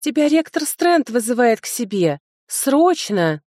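A worried young woman student who fusses over her friend, in a voice pitched higher than the narration, as a woman reads her in an audiobook. She sounds anxious and fussing. The recording is dry and close. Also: big pitch swings, measured pace, darkish tone, no room sound. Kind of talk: audiobook reading.

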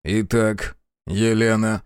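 A man playing a stern male prince and archmage in an audiobook, speaking slowly and coldly with authority. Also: on the low side, flat delivery, clear, resonant tone, no echo, clean studio sound. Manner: slow, cold, commanding.

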